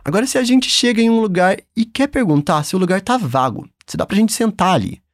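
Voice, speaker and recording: A man's voice: high voice, expressive, brisk, no echo, studio quality. A man with a Brazilian accent teaching a German lesson in a patient, encouraging, upbeat way. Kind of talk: language lesson.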